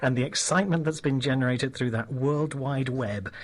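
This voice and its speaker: A man's voice: medium pitch, moderate pace. A man hosting a local radio drive show, rambling and joking with many asides and restarts. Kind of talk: chatty local radio banter. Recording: radio broadcast studio.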